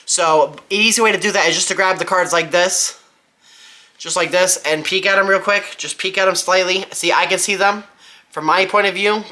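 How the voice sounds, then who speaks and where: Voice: mid-range voice, fairly even intonation, moderate pace, sharp tone. A presenter giving a casual, step-by-step magic tutorial, informally thinking aloud while demonstrating by hand.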